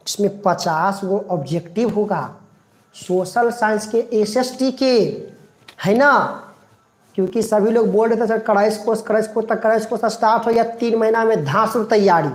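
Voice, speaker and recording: Slow, repetitive male teacher. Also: high voice. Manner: slow, repeats phrases, coaxes students to recite along. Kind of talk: live online class lecture. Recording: roomy echo.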